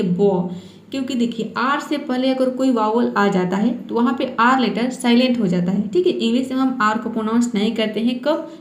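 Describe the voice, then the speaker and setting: A woman's voice: a little high, a little mellow, roomy sound. A woman teaching English to beginners in Hindi, patiently repeating words and asking and answering her own questions. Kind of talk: Hindi-language English lesson.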